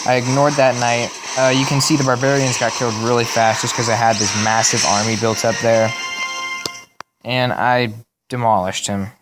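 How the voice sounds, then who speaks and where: A young man giving casual, rambling commentary on a mobile game replay, correcting himself as he goes, his voice worn and going hoarse. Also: medium pitch, very noisy. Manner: rambling, self-correcting, chatty. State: losing his voice. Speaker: gaming channel host.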